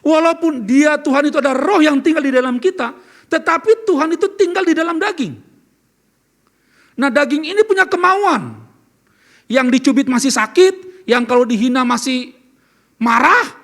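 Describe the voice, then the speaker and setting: A man's voice: extremely high pitch, moderate pace, long pauses, a bit bright. A man preaching a sermon as pastor, earnest and questioning, asking the congregation questions as he speaks. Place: church service.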